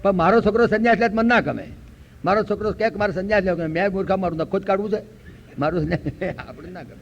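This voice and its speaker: An older man from Gujarat giving a spiritual lecture, telling stories and slowly chanting verses. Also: high-pitched, a little hiss or hum. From Gujarat, India. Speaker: preacher. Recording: dull lo-fi recording.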